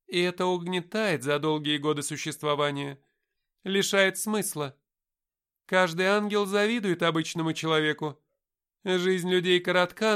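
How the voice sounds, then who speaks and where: A man's voice: high-pitched, fairly bright tone, smooth, voice pushed up. A man reading an audiobook voices a haughty, world-weary female angel who speaks in a commanding, solemn way.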